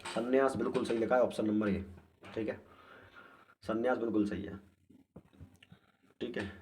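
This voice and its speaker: Low-voiced man drilling spellings. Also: steady tone, moderate pace, a little mellow, a little hiss or hum. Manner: repetitive, drills each word aloud. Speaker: teacher. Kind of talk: exam-prep spelling lesson.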